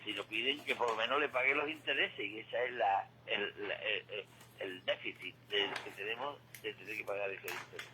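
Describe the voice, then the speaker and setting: Repeating key figures to hammer them home, an Andalusian-accented radio commentator on current affairs delivers conversational, emphatic and didactic economic commentary from a local studio. His lowish voice is pushed and bright, at a moderate pace. The recording is low quality, with slight background noise.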